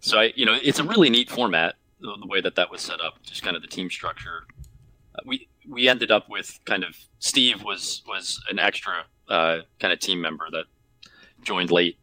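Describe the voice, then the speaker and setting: A man's voice: low-pitched, moderate pace, sharp tone, rough recording. A man co-hosting a podcast, talking casually and repeating himself as he explains things. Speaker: podcast co-host. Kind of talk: casual chat.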